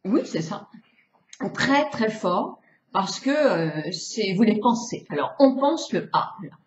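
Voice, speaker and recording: A French woman in her sixties, a beautician, walks viewers through face exercises in a chatty, demonstrative way, stretching out her vowels. She speaks slowly in a mid-range voice with big pitch swings, captured on a roomy, slightly dull home video.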